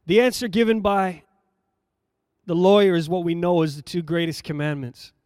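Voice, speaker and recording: High-voiced man preaching a measured sermon. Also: fairly even intonation, a little mellow, clean tone, dry recording, clean studio sound. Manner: measured, emphatic, repeats phrases for effect. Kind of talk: sermon reading and explaining scripture.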